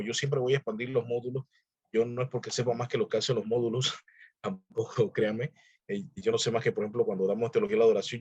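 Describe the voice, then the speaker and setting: A man's voice: medium pitch, slightly rough, dull audio. A man teaching a church discipleship class, earnestly exhorting his listeners in a conversational preaching manner.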